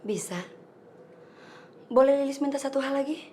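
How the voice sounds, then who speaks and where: A woman's voice: sits high, normal speed, dark tone, slight background noise, natural voice. An actress playing a young female dancer who bargains bluntly and insistently with her boss, in film dialogue. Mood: demanding. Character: demanding young female dancer making terms.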